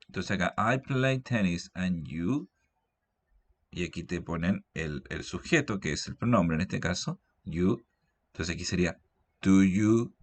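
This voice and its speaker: A man giving a grammar lesson, patiently repeating example sentences. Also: lowish voice. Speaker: English teacher. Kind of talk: grammar lesson explained in Spanish.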